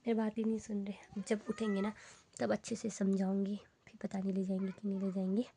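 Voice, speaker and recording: A woman's voice: completely flat delivery, a little fast, dark tone, slight background noise. A young woman in a casual home vlog, chatting to viewers in a rambling, friendly way. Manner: high sing-song baby talk to her child. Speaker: vlogger.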